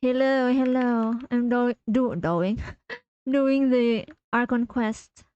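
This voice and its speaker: A woman's voice: fairly high pitch, slow, smooth, muffled recording. A woman streaming a video game, chatting casually and giggling while she talks to her viewers. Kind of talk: casual livestream commentary.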